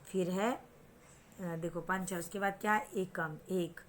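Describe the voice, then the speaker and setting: A woman's voice: fairly low pitch, fairly even intonation, slow, a little hiss or hum. A woman teacher with an Indian accent giving an online lesson to children, patient, repeating things and asking questions back to check understanding.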